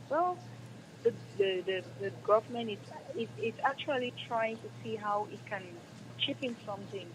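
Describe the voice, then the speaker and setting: A stage and radio drama actress with a Cameroonian accent gives spontaneous answers as a guest in a radio interview, speaking earnestly and repeating phrases for emphasis. Her voice is mid-range, and the low-quality recording has slight background noise.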